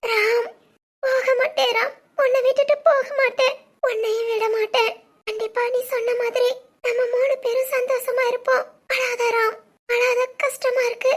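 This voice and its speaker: A woman's voice: fairly even intonation, moderate pace, a bit bright. A woman voicing a fragile, devoted young wife in a cartoon family drama, talking in a tearful, pleading way. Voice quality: very high, girlish.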